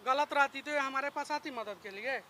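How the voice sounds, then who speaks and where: A man with a very high, bright and sharp voice scolds bluntly and swears. He steps into a couple's street quarrel as a stranger. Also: normal speed. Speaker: bystander mediating a couple's fight. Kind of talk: street confrontation.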